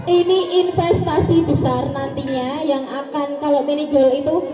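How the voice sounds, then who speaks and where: A woman's voice: sits high, steady tone, normal speed, warm tone. A young woman co-hosting a live stage event and chatting as interviewer. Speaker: co-host interviewing a prize winner. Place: outdoor village stage on a covered porch. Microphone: handheld mic through PA, filmed from afar. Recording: muffled echoey PA from far off, music, crowd.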